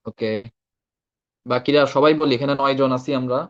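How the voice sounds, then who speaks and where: A man's voice: mid-range voice, fairly even intonation, normal speed, fairly bright tone, lo-fi sound. A man teaching Arabic pronunciation in an online class, patient and often checking that students follow. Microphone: video call.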